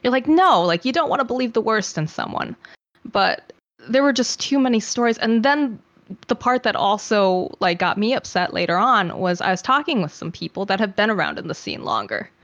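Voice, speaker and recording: A woman's voice: mid-range voice, expressive, moderate pace, fairly bright tone, no echo, highs cut off. A woman speaking candidly in a conversation, with lots of fillers, sometimes quoting her past self.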